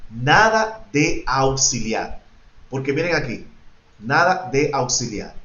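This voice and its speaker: A man's voice: medium pitch, lively intonation, slow pace, sharp tone. A male English teacher explaining grammar to his students, switching between Spanish explanations and English examples and repeating points for emphasis. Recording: echoey, dull lo-fi room recording.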